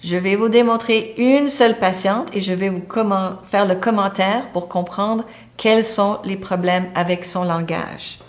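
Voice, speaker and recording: A woman with a medium-pitched, slightly slow voice gives a teaching lecture on a medical topic. She explains things step by step and points to a diagram.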